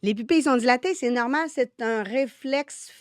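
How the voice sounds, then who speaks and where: Woman, Québécois accent, lively storyteller, slightly high voice, dry close sound. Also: normal speed, no echo. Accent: Québécois French. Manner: lively, animated anecdote telling with quoted dialogue. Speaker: guest, synergologist. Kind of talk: casual podcast storytelling.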